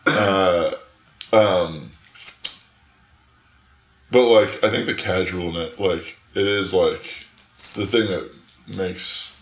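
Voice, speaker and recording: A man's voice: sits low, fairly even intonation, extremely slow, pauses often. A young man from Arizona, chatting casually as a podcast guest, rambling with lots of fillers. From Arizona, USA. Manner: filler-heavy, rambling, laughs often. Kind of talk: casual chat. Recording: echoey room.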